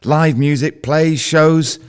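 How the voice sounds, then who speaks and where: A man's voice: a little high, fairly even intonation, takes it slowly, clear, resonant tone. An actor playing an earnest, hesitant 1920s male broadcasting manager in an amateur radio play, stammering at the start of his lines. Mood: persuasive.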